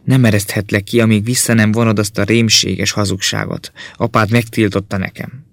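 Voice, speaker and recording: A man voicing a gentle, worried mother who speaks softly in an audiobook. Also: lowish voice, little pitch movement, vocal fry, dry recording. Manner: soft, hushed.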